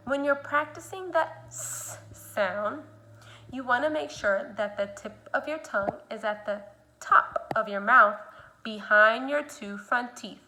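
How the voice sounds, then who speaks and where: Woman, slow exaggerated speech modeling, fairly high pitch, simple instructional prompts, noisy recording. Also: pushed and bright. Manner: addresses learner directly with simple step-by-step prompts. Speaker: speech teacher. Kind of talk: instructional speech sound lesson.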